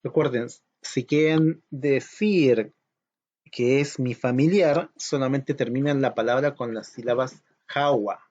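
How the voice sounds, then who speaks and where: Male teacher, mid pitch, patient and repetitive, muffled lo-fi audio. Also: darkish tone. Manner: slow, patient, repeats each word twice. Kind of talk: online language lesson for children. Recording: dull lo-fi audio.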